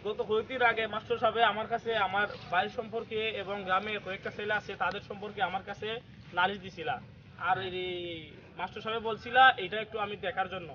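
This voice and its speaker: An actor playing a hot-tempered village landlord who barks orders, speaking with a Habiganj regional accent. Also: male voice, high voice, steady tone, fast, dull audio, a little hiss or hum, close to an everyday voice. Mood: aggrieved. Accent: Habiganj regional Bengali. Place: village outdoors.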